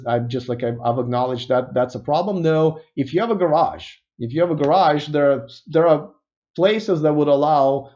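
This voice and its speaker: A man from Russia hosts a relaxed live stream, reading out viewer comments and mulling them over as he goes. He sits at a mid pitch and restarts his sentences often. The sound is a bit dull and lo-fi. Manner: casual and thinking aloud, with many restarts and musing asides. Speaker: host of an electric car news show.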